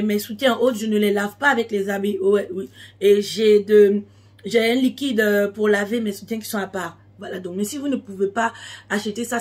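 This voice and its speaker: A woman's voice: medium pitch, slightly rough. A woman speaking a language that is not her first, chatting casually to followers as a beauty tips vlogger, explaining things with emphatic repetition. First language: not French.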